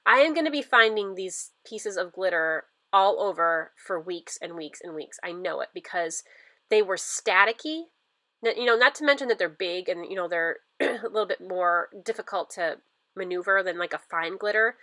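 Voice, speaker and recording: Middle-aged woman, stuffy from a cold, chatty rambling craft voice-over, bright dry sound. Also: fairly low pitch, expressive, normal speed, no room sound. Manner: chatty, rambling, lots of fillers. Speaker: scrapbooking vlogger. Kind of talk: casual voice-over narration of a craft process.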